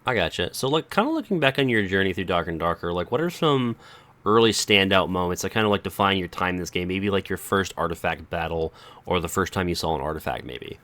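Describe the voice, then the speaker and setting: Deep-voiced hesitant male interviewer. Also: animated, quick pace, fairly bright tone. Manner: hesitant, filler-heavy, rambling questions. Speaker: interviewer, author. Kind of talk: casual interview questions.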